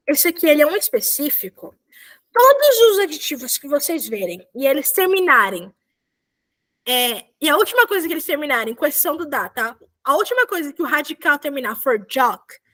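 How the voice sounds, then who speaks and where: Young woman, high bright voice, casual video-call teacher who corrects herself and keeps checking in. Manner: chatty, self-correcting, frequent checks with students. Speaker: volunteer Korean teacher. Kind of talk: casual online lesson.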